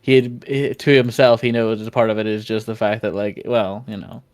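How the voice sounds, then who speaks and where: A man's voice: on the low side, little pitch movement, moderate pace. A man casually explaining his character as a player in a tabletop role-playing game.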